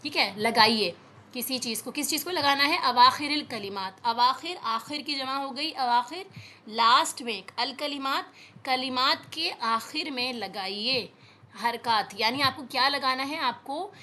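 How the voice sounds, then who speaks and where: A woman teaching an Arabic lesson, reading words slowly and explaining them patiently with frequent checks on understanding. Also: high-pitched, pushed and bright. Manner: explains patiently, repeats words, often says "theek hai" to check understanding. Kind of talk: classroom lesson.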